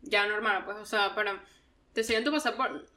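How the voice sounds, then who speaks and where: A young woman with a Venezuelan accent, a guest chatting casually on a podcast, animated and slangy and laughing often. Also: mid-range voice, normal speed.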